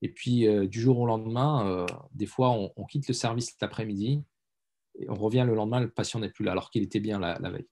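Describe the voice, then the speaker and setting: A middle-aged intensive care doctor from France appears as a guest in a casual interview, sounding hesitant and using lots of fillers and repeated words. His voice is low and mellow, and he speaks fairly quickly.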